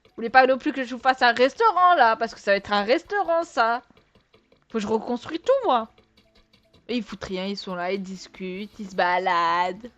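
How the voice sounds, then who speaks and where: A woman with a slightly high voice talks her viewers through a game, chatty and exclamatory. She keeps up a running commentary full of exasperated asides and sighs, in a loose, unscripted let's-play style. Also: normal speed, fairly bright tone, lo-fi sound. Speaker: gaming video creator.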